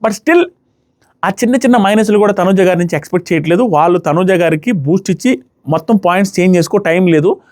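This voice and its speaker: A man with a Telugu accent giving a fast, animated, casual review of a TV show, mixing in English words. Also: high-pitched.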